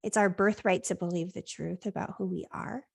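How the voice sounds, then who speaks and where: Woman life coach, encouraging and reflective, a touch of vocal fry. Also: fairly low pitch, fairly even intonation, moderate pace. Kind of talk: coaching session.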